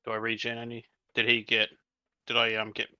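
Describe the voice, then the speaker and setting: A man takes part as a player in a tabletop role-playing game, joking and often hesitating with ums. His voice is bright and sharp. The sound is dull and lo-fi, like call audio. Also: medium pitch, completely flat delivery, fairly quick, smooth, dry recording. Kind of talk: casual banter at a tabletop game.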